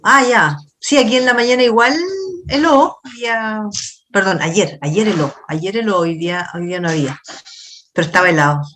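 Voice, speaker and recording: A middle-aged woman with a Chilean accent giving a university class over a video call, chatty and questioning her students, explaining in a halting way. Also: mid-range voice, fairly bright tone, slight background noise. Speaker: university lecturer. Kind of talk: online class lecture.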